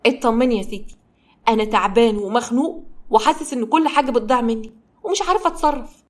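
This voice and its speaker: Egyptian woman voicing a worn out angry husband, talks fast. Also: on the high side, lightly acted. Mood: bitter. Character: despairing, then defiant grown man.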